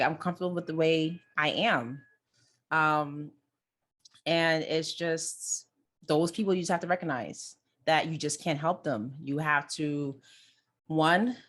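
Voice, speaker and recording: A woman with a low-pitched voice hosts her own podcast, talking casually and directly to her listeners. Her New York accent carries Caribbean touches, and she often restarts and repeats words as she goes. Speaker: podcast host. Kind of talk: casual solo podcast talk. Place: indoors near a busy city street.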